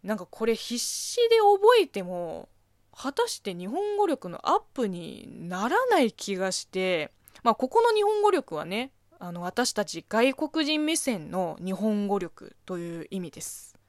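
A woman's voice: mid-range voice, very animated, a little slow, dry recording, clean studio sound. A woman from southern China, a native Chinese speaker with a Chinese accent, hosting a casual radio show where she reads listener letters and answers them offhand. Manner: chatty, reads letters then comments offhand.

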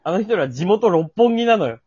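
Higher-pitched Kansai man, lively and casual. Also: moderate pace, husky, dry recording, dull audio. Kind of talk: casual chat.

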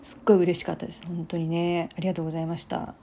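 A woman hosting her own podcast, chatting casually and softly with little laughs and asides. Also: on the low side, monotone, rapid-fire, slight background noise. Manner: chatty, soft-spoken, giggly asides. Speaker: podcast host. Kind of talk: casual solo talk.

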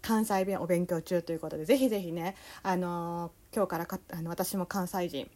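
A young woman with a Kansai accent hosting a relaxed solo talk show, meandering along with plenty of fillers. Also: lowish voice, a little fast. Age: young adult. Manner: easygoing, meandering, full of fillers. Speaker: podcast host.

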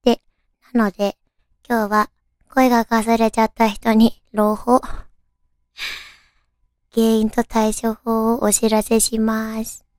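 A young woman with a cute, girlish anime-style voice gone hoarse, hosting a casual solo radio talk in a cutesy, chatty way. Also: on the high side, monotone, slow, long pauses, a little mellow, no echo, studio quality. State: hoarse, raspy from overuse.

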